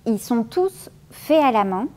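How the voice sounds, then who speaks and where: A woman guiding a children's museum tour, explaining clearly and kindly. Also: on the high side, sing-song, unhurried, darkish tone. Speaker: museum guide.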